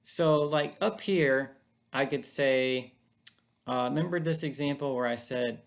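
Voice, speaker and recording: A man with a mid-pitched, gravelly voice walks through a statistics lesson at home. He talks casually to the camera, with plenty of fillers and restarts as he explains. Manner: casual, chatty explaining with frequent fillers and self-corrections. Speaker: statistics teacher. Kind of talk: informal recorded lecture.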